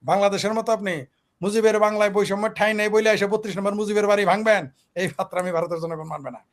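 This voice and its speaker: A man's voice: high voice, fairly even intonation, fast talker. A man from Bangladesh, giving political talk show commentary in an emphatic way, firing off rhetorical questions.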